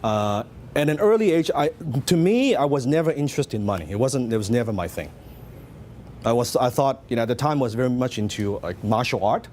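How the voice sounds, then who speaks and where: A middle-aged Hong Kong man with a Hong Kong Cantonese accent gives a motivational seminar talk as a business speaker, telling his story and peppering the audience with questions. His mid-range voice is animated, fairly quick and a little mellow. There's slight background noise.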